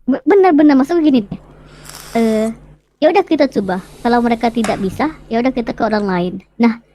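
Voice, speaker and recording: A woman's voice: on the high side, fairly quick, warm tone, a little hiss or hum. A woman in a roleplay voice chat, making her point earnestly with stumbling restarts. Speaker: roleplay player.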